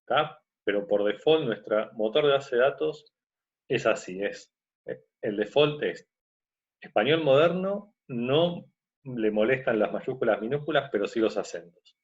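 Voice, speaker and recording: A man teaching a screen-recorded software course, explaining step by step and often checking in with his listeners. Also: medium pitch, lively intonation, a little slow, muffled recording. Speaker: course instructor.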